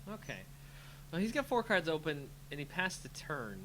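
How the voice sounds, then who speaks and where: This card game channel host has a voice on the high side, sing-song and at normal speed, with noise in the background. As he plays, he gives relaxed live commentary, thinking aloud to himself with playful muttering and filler.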